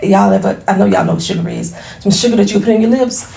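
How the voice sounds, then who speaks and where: A woman's voice: mid-range voice, fast talker, vocal fry, mellow, reverberant, a little hiss or hum. A woman in her forties, a small business owner, chatting frankly to camera at home, laughing easily and using casual slang. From Florida. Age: 40s. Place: her home, products on shelves behind.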